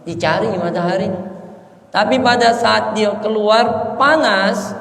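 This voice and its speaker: Slow, gravelly preacher man in an echoey hall. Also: high-pitched. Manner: animated, acts out family dialogues in voices. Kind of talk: religious lecture to a congregation. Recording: echoey hall with long reverb.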